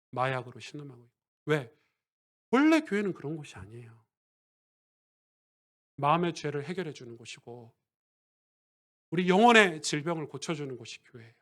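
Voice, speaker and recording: A male pastor preaching a sermon, shifting from quiet conversational asides to loud emphatic declarations and asking the congregation questions. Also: a little high.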